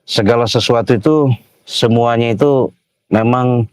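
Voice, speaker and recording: Man, middle-aged, slow repetitive livestream chatter, mid pitch, dry close sound. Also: darkish tone, no echo. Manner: slow, repetitive, tags sentences with "ya". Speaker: vlogger livestreaming. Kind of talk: casual livestream narration.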